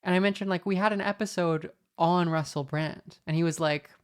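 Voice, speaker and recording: A woman with a notably low voice, chatting casually as a podcast host. She rambles through anecdotes with a wry edge, loaded with fillers and restarts. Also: fairly even intonation, fairly quick, clean tone.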